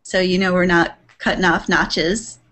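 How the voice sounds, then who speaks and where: Slow, measured woman explaining patterns. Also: fairly low pitch, steady tone, fairly bright tone. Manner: measured, explaining with frequent "um"s and light laughs. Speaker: sewing pattern designer. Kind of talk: casual video chat.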